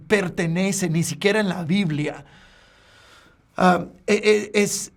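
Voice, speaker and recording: Male pastor, sermon delivery; slow, earnest, stop-start phrasing, raised pitch with a gravelly edge. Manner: earnest, halting with frequent restarts.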